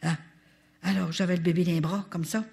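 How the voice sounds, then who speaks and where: An older woman with a Canadian French accent, telling a testimony at a religious retreat in an animated way and turning often to her listeners. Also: lowish voice, a little fast, creaky. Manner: animated, talks straight to the audience. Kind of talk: testimony storytelling.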